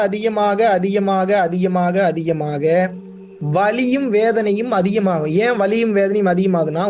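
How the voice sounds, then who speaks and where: A man's voice: sits high, a little mellow. A young man speaking as a spiritual teacher, explaining to his listeners with emphatic repetition and frequent questions. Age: young adult. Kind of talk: spiritual discourse to an audience.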